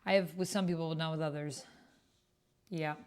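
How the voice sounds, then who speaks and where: Low-pitched, smooth and darkish, this woman's voice holds a steady tone at a moderate pace. A livestream host and tabletop roleplay player, she reads chat messages aloud and drops into casual, chatty commentary.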